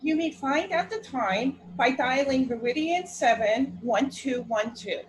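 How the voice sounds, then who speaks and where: A woman's voice: high-pitched, lively intonation, unhurried, slight background noise, poor audio. A woman playing a courteous, businesslike telephone clerk with a formal, officious manner in a radio play. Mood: polite, businesslike. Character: polite, businesslike female telephone clerk, brisk and unruffled.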